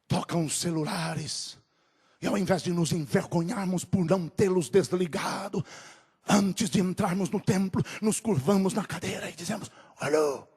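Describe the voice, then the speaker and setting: A man with a husky, somewhat high voice preaches a sermon. He drops into quick, low talk and then builds to drawn-out, shouted climaxes.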